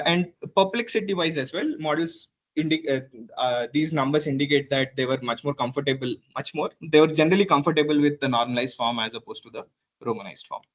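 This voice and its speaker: Hesitant man defending a thesis, dull audio. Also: fairly high pitch. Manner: hesitant and halting, with frequent stumbles, repeats and throat clearing. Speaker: PhD candidate.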